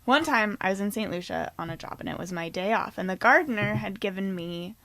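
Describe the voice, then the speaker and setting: A woman's voice: medium pitch, brisk, no room sound. A young woman co-hosting a podcast, joking at her own expense while she tells casual stories. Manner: jokey, self-mocking, animated storyteller. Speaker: podcast co-host, acting teacher.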